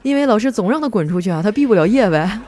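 Playful woman host with lively pitch. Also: racing, soft background music. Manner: playful, teasing, self-mocking asides. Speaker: radio-style host reading listener jokes. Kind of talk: comedic joke reading and banter.

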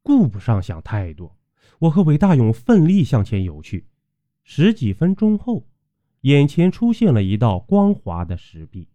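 A man's voice: huge pitch swings, measured pace, dark tone, no echo. A man narrating a tomb-raiding audiobook in a dramatic, suspenseful storytelling voice, recorded with dull lo-fi sound. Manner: suspenseful storytelling with wide pitch swings.

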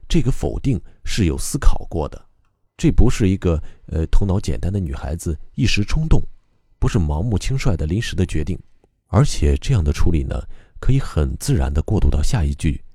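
A man teaching how to recite a poem, explaining calmly and methodically with frequent pauses. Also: sits low, breathy edge, no room sound, clean studio sound. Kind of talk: explanatory lesson on reading poetry aloud.

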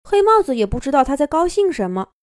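Lively woman reading a children's story. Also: high voice, fast, no room sound, studio quality. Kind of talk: storybook narration.

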